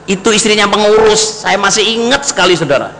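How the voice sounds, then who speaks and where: A man's voice: high-pitched, animated, brisk, creaky, a bit bright. A middle-aged man, preaching a storytelling sermon to his congregation and calling them brothers and sisters. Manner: addresses the congregation as brothers and sisters, mixes in Javanese. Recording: long hall reverb, faint noise.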